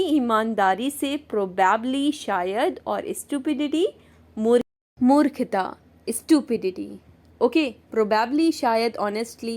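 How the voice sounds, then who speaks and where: A woman's voice: on the high side, darkish tone. A woman teaching English vocabulary in Hindi with an Indian accent, patiently repeating each word and its meaning. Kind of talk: slow vocabulary lesson with repetition.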